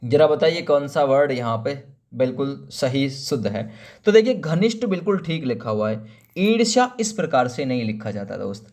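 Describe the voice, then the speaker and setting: A man's voice: medium pitch, sing-song, normal speed, a little mellow. A man teaching a spelling lesson for exam preparation, asking rhetorical questions, drawing out words letter by letter and calling viewers friend. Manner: explains each option, asks rhetorical questions; familiar, calls viewers friend and brother.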